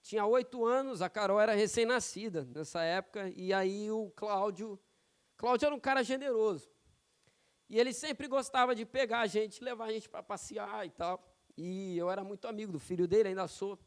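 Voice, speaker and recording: A man preaching to his congregation, with a notably high voice. He talks informally and keeps checking in with the room through quick tag questions. His tone is smooth and resonant as he tells personal stories from the pulpit. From São Paulo, Brazil. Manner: conversational, personal storytelling with frequent tag questions. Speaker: pastor. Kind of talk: sermon. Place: church sanctuary.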